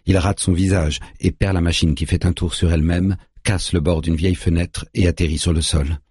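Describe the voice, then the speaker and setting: A man narrating an audiobook in a grave, measured way, recorded on a close studio mic. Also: low-pitched, fairly even intonation, a little mellow, husky, dry recording.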